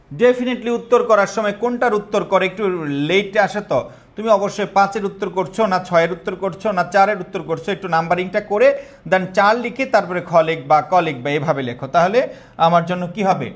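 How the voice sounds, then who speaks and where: A man's voice: high voice, brisk. A young man with a Bangladeshi Bengali accent teaching a live online exam-prep class, repeating questions and quizzing students.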